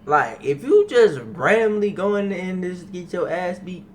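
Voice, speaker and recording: A young man reacting to a clip in a high voice that swings widely up and down. He talks in loose, profane bursts and repeats himself. A faint hiss sits under his voice. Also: lively intonation, measured pace. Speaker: reaction video host. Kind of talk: casual reaction commentary.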